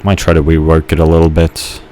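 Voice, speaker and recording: A man's voice: a bass voice, completely flat delivery, brisk, mellow, slight background noise. A man casually rambling while playing a game, hesitant, with many fillers and restarts. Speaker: gamer narrating his gameplay.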